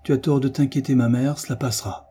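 A man's voice: medium pitch, flat delivery, quick pace, dark tone, breathy edge, faint music behind, pitched above the performer's own voice, close to an everyday voice. A man reading an audiobook, voicing an impatient, sullen teenage boy who answers curtly and irritably. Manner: curt and irritable. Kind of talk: audiobook character voice.

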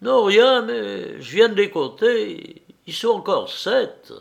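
Guy doing jumpy old trapper bill, voice pitched up high, slow storybook reading. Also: sing-song, gravelly, full character voice. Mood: alarmed. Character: anxious wary male trapper Bill.

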